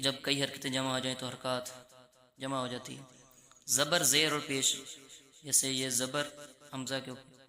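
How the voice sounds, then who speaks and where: A man teaching a children's Quran reading lesson with a Pakistani Urdu accent. He explains each rule, then slowly chants the syllables. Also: medium pitch, pushed and bright, reverberant.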